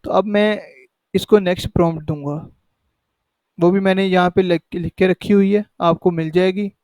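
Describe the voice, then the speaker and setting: A man's voice: high-pitched, steady tone, normal speed, darkish tone, dry recording. A man hosting a casual step-by-step tutorial, talking conversationally and often checking in with the listener. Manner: conversational, repeats "ठीक है" to check in. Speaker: tutorial host. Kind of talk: casual screen-recorded tutorial.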